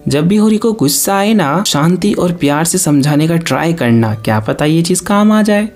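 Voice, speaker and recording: A man's voice: on the high side, animated, normal speed, a little mellow, faint music behind. A man reading the lines of a cheery anime dad. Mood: cheerful. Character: cheerful middle-aged anime father.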